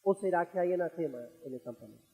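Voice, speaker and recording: A Colombian man preaching as pastor, teaching earnestly and rising to loud, fervent passages. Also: sits high, animated, quick pace, creaky. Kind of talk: sermon. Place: church auditorium. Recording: echoey church hall.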